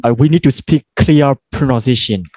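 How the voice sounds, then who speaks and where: A man who hosts a casual vlog interview, asking brief, halting questions. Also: mid-range voice, darkish tone, no room sound.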